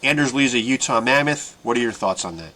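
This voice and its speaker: A man hosting a casual sports fan podcast, asking his co-host questions and often trailing off quietly. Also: mid-range voice, lively intonation, fairly quick, slight background noise. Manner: asks his co-host questions, many restarts.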